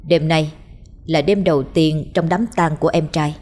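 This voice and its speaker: A woman narrating a horror story in a measured, suspenseful storytelling manner. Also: low voice, fairly even intonation, darkish tone.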